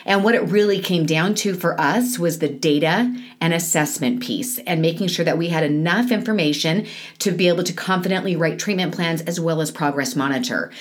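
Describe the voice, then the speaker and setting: A woman co-hosting a podcast in a chatty, conversational way, with quick asides. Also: fairly low pitch. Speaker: podcast co-host. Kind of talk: casual podcast chat.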